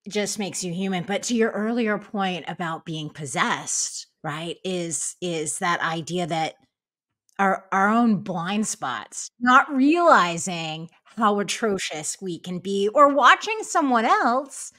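A middle-aged woman hosts an interview on a video call in a medium-pitched voice. Her talk is informal and reflective, with blunt, casual wording. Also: big pitch swings, slow, pushed and bright. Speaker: show host, interviewer. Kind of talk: conversational interview.

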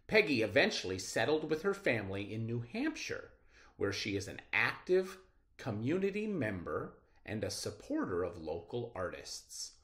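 A middle-aged man with a mid-range voice teaches children a read-aloud reading lesson, speaking deliberately, expressively and explanatorily.

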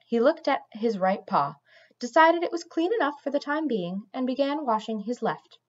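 A woman reading a fantasy novel aloud in an expressive storybook narration, on a dull lo-fi recording. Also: high voice, moderate pace. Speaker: audiobook reader.

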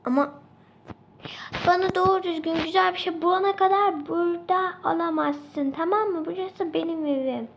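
A woman's voice: very high-pitched, normal speed, vocal fry, background noise, pitched above the performer's own voice. A woman voicing a sulky, spoiled young daughter in a game role-play, speaking in a huffy, dismissive way.

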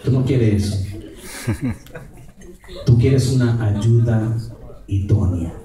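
A man's voice: mid-range voice, slow pace, crowd noise. A man preaching a storytelling sermon, mixing two languages mid-sentence and laughing often as he tells his stories. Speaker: evangelist preacher. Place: coffee house gathering. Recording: very roomy sound from far off.

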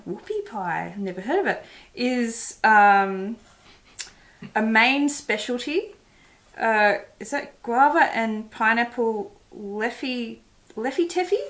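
A woman's voice: fairly high pitch, fairly bright tone. An Australian woman hosting a casual snack-tasting chat, chatting away while she chews. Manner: chatty, talks while chewing. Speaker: host.

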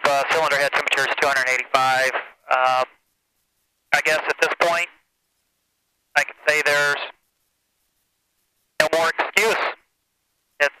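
An American man in his thirties talking like a pilot over the radio, giving measured, hesitant, matter-of-fact flight commentary into a headset mic. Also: on the high side, pushed and bright. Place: open cockpit of a small light aircraft. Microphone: aviation headset boom mic. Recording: noisy cockpit headset intercom audio.

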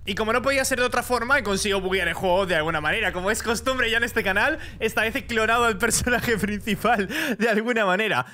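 A young man, commentating a horror game and reading its dialogue aloud, excitable and loud. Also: high voice, quick pace, few pauses, slight background noise. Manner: excitable, shouts and laughs at the game. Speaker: gaming YouTuber.

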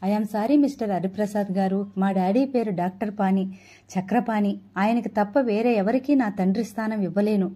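A woman's voice: medium pitch, normal speed, dark tone, lightly acted. A woman reading the lines of an aloof, firm young daughter who speaks curtly and with detachment. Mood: detached. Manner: curt, detached.

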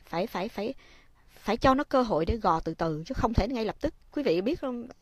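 Expressive woman host. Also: on the high side, brisk, no room sound. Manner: expressive, addresses viewers often, gentle when advising. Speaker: livestream host. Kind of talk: casual livestream talk to viewers.

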